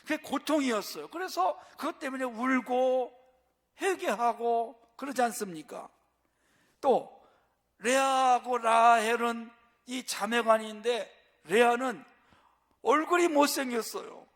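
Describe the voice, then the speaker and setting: Pastor, male, higher voice, preaching from the pulpit and answering his own questions, long church echo. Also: slow pace. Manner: asks rhetorical questions and answers them. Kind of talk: sermon. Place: church sanctuary.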